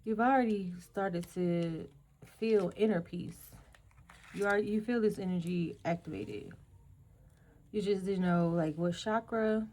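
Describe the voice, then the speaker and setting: A woman giving a spiritual energy reading as host, speaking haltingly and listing words one at a time with pauses and fillers. She is losing her voice and keeps clearing her throat. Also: mid-range voice, a little mellow. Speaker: energy reader.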